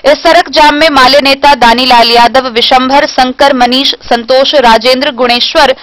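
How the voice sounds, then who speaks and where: A woman's voice: sits high, steady tone, moderate pace, fairly bright tone. A woman reading a scripted news report as a voice-over.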